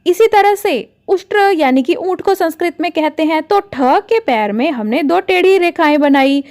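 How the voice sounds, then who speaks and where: A woman with a high, light voice gives a Hindi spelling lesson to children. She explains step by step, patiently, and often turns to speak to the kids directly. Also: animated, normal speed, darkish tone. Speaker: Hindi teacher.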